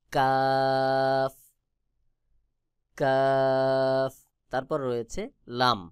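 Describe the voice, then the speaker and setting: A man teaching Quran recitation, explaining where each Arabic letter is formed and sounding it out slowly several times. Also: mid-range voice, no echo, studio quality. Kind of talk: slow instructional explanation.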